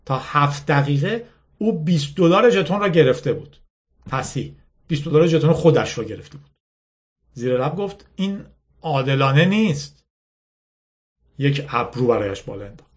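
A man reading a novel aloud, voicing the dialogue with a lifted pitch and sometimes pausing to explain a term. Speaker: narrator.

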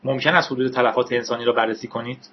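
A man voicing a cold, calculating military computer in a flat, measured way. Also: mid-range voice, husky, dull audio, close to an everyday voice.

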